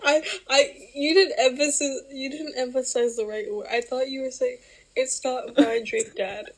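A woman co-hosting a casual podcast chat in a teasing, excitable, giggly way. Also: sits high, normal speed, low-quality recording. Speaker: podcast co-host.

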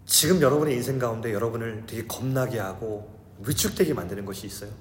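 A man in his thirties preaching a sermon as pastor, shifting between urgent raised delivery and soft, hushed storytelling. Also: mid-range voice, fast, slight background noise. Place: church sanctuary. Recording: echoey hall with long reverb.

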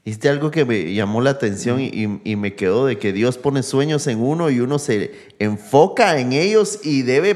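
A man talking thoughtfully and casually, pausing now and then to search for words. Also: medium pitch, a little mellow. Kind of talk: reflective conversational talk.

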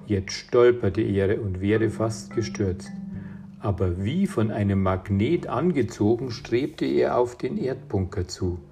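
A man reading a children's adventure audiobook in a measured storytelling manner. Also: fairly low pitch, gravelly. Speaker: audiobook reader. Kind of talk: scripted narration. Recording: reading over guitar music.

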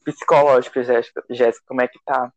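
A man's voice: mid-range voice, little pitch movement, fast, lo-fi sound. Teasing podcast host man. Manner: teasing, bossy, prodding. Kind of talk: casual podcast chat.

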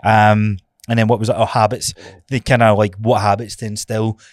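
A man's voice: on the low side, flat delivery, moderate pace, dry recording. Scottish man, dry close-up podcast chat. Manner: sweary, informal, motivational. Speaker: fitness podcast co-host, coach.

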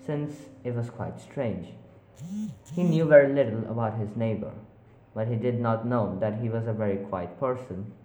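A man narrating a spooky story in a measured, unhurried way with small slips. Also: medium pitch, darkish tone. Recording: roomy echo.

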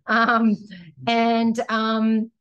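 A woman's voice: on the high side, a bit bright, clean tone, lo-fi sound. An Australian woman hosting a podcast, chatting casually and upbeat, with easy laughs and plenty of fillers, in a cabin. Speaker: podcast host and running coach. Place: indoors in a cabin.

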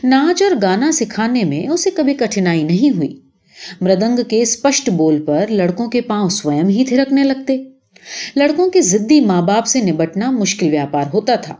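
Woman, storyteller, scripted narration, expressive, lively pitch, mellow tone.

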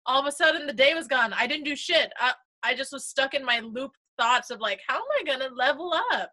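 A woman co-hosting a relaxed chat show, laughing often and cursing easily as she acts out her own stories. Her voice sits a little high and rings bright and sharp. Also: fairly quick. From United States. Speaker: talk show co-host. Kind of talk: casual chat.

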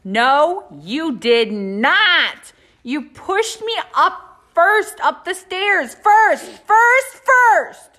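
A woman's voice: very high voice, animated, extremely slow, sharp tone, exaggerated voice. Woman playing a stubborn bickering church lady. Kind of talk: amateur church skit.

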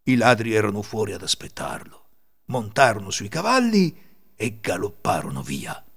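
A man reading a folk tale aloud, expressive and animated. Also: lowish voice, normal speed, creaky, husky. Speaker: storyteller.

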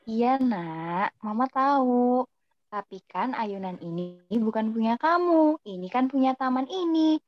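A woman voicing a mother who gently scolds and coaxes her daughter, in a children's cartoon drama. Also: fairly high pitch, expressive, a little slow. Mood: coaxing. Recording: dull lo-fi dry recording.

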